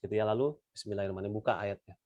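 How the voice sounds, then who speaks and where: A man giving an informal religious talk over a video call, relaxed and conversational, often speaking straight to his listeners. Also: mid-range voice, a little fast, no echo. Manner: relaxed conversational, addresses listeners as "Bapak Ibu". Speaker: speaker at a weekly religious study session.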